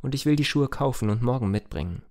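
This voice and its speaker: A man voicing an earnest young village man in love, in a gentle, earnest delivery. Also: mid-range voice, expressive, fast, lightly acted. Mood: determined.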